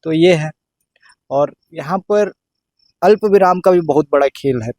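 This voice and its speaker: Male panelist, mid pitch, dry close sound, measured and halting explanations. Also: darkish tone, no echo. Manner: hesitant, restarting, explanatory. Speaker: panel guest. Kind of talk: discussion commentary.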